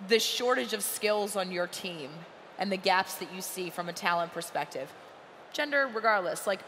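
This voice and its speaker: A woman's voice: medium pitch, fairly bright tone. A woman moderating a conference panel, conversational and framing questions as she goes. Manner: conversational, searching for words while framing questions. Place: large conference hall stage. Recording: reverberant hall with faint noise.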